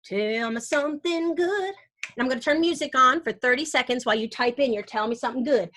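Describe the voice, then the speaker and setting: A woman teacher presenting an energetic online workshop, bubbly and encouraging, talking to her audience over a video call. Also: sits high, racing, husky. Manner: bubbly, encouraging, breaks into bits of song. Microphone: computer mic on a video call.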